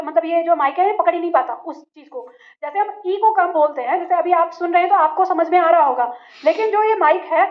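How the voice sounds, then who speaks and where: A woman teaching a class on spelling and pronunciation, patiently spelling out and repeating words slowly for her students. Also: extremely high pitch, phone-quality sound. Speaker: Hindi teacher.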